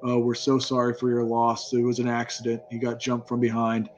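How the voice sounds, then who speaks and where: A man voicing a male adventurer who haltingly offers condolences to a grieving mother over a dull video call. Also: medium pitch, completely flat delivery, a little hiss or hum, voice pushed down, natural voice. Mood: sorrowful. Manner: halting, apologetic, slow.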